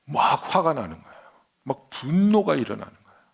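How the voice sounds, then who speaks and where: 목소리가 높고 거친 남자 목사. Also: male voice, fairly high pitch, a little fast, gravelly, husky. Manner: animated storytelling preacher, swings from hushed whispers to loud exclamations. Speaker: pastor. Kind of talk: sermon. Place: church sanctuary.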